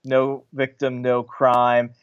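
A man's voice: mid-range voice, monotone, slow pace, smooth, highs cut off, natural voice. A man voicing a small boy who solemnly recites political slogans to his mother. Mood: preachy. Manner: declaiming slogans. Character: boy zealot preaching to his mom.

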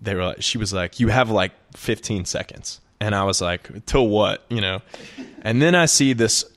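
A man's voice: lowish voice, normal speed, fairly bright tone. A young man, a podcast guest telling a long story casually, full of "like" fillers and laughing often. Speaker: guest musician.

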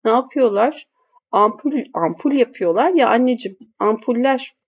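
Lady reader doing a cranky middle-aged guy, loud and snappy, muffled audio. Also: on the high side, animated, normal speed, husky. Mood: irritable. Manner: raises voice, snaps. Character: irritable middle-aged man, a hard-of-hearing son. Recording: dull lo-fi audiobook recording.

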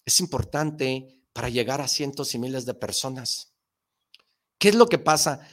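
A man hosting a motivational talk show, speaking emphatically with slangy rhetorical questions and bursts of excitement. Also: medium pitch, measured pace.

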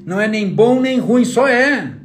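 A high-pitched man, speaking with emphasis and firing rhetorical questions straight at the listener. He delivers a motivational talk as a trainer. A soft guitar plays faintly behind him. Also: expressive, unhurried. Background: faint guitar music.

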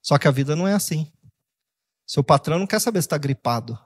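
A Brazilian man delivers a sermon with lively, theatrical energy, slipping into quoted voices to make his point. His voice sits high for a man. The sound carries a long reverb, as if from a large church hall. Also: fast talker. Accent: Brazilian Portuguese. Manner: animated preaching, acts out quoted voices and jokes. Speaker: pastor.

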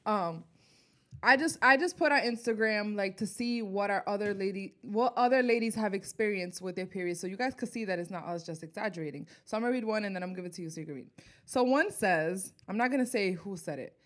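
A young woman co-hosting a podcast, telling stories in casual chat, animated and swearing heavily. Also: mid-range voice, quick pace. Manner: animated, swears heavily, acts out her own outbursts. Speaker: podcast co-host.

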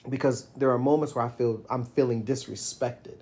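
A middle-aged man talks in a relaxed podcast conversation. His voice sits at an ordinary middle pitch. He sounds reflective and tells his stories at length, rising and getting animated whenever he quotes himself. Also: moderate pace. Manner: reflective, storytelling, animated when quoting himself. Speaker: podcast co-host. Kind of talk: casual conversation.

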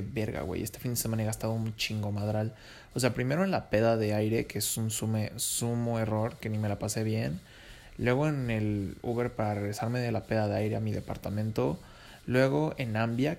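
A man's voice: lowish voice, creaky, a little mellow. A young Mexican man with a Mexican Spanish accent, rambling through a slangy, casual story. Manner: slangy, rambling, laughs between lines.

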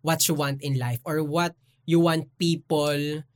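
A woman chatting casually on a podcast, talking about work and tossing in quick asides. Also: low voice, steady tone.

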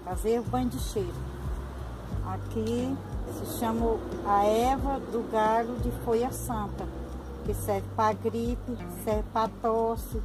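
A woman with a Brazilian accent speaking as a folk healer, explaining unscripted in a halting, repetitive, plain-spoken way. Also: a little high, fairly even intonation, over music, low-quality recording. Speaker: folk healer showing medicinal plants.

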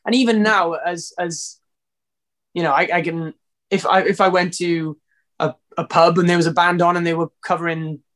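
A Welsh singer with a notably high-pitched voice chats in an interview. He rambles, restarts sentences and leans on fillers throughout. His talk stays loose and informal. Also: fairly even intonation, moderate pace, fairly bright tone. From Wales. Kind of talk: casual interview chat.

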